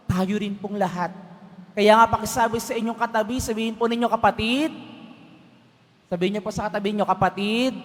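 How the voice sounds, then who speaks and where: A man, a priest, giving a homily at Mass, telling a story and asking the congregation to answer back. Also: very high voice. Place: large church. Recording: long church reverb.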